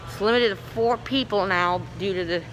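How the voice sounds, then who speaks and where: A man's voice: high voice, moderate pace, a bit bright, lo-fi sound. Man, casual vlog narration, hesitant with ums, phone mic, noisy indoor mall. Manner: hesitant, many ums, talks to viewers. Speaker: vlogger filming elevators. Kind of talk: casual walk-through narration. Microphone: handheld phone camera.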